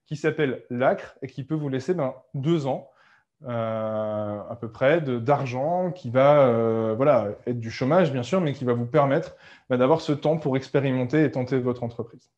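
A man talking casually to his audience as a business coach, mid-pitched and easygoing. He backtracks and fixes his words as he goes. The sound is a little dull and lo-fi. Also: moderate pace, darkish tone. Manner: conversational, many fillers and self-corrections. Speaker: entrepreneurship coach. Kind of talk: casual explanatory talk to camera.

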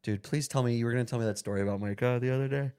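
A man co-hosting a podcast in casual chat, talking quickly and excitedly and calling his friend "dude". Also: mid-range voice, clean tone. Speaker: podcast co-host.

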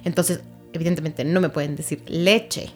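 A woman's voice: sits low, steady tone, normal speed, faint music behind. A woman speech therapist, patiently explaining with examples and checking that her listener follows. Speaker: child language therapist. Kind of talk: explanatory interview talk.

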